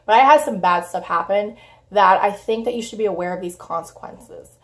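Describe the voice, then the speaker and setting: A young woman talking to camera in a frank, chatty vlog, her voice hoarse from a cold, swearing freely and filling with "like". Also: medium pitch, a little fast. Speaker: vlogger. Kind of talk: casual vlog talk to camera.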